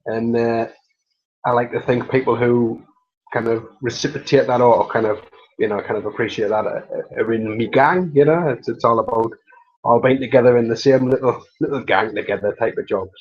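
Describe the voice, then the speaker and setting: A man with a Mackem accent talks loosely on a live stream, stumbling through restarts and amusing himself as he goes. His voice sits at an ordinary pitch. The audio is muffled and lo-fi. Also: a little fast. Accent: Mackem (Sunderland). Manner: rambling, self-amused, many fillers and restarts. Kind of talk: casual live-stream chat.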